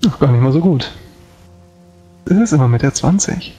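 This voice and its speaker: A man's voice: a little high, animated, normal speed, dark tone, breathy edge. A man playing a tabletop role-playing game, talking in character with a dry, wry manner. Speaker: role-play player. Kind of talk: improvised in-character tabletop talk. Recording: dull band-limited sound, faint music.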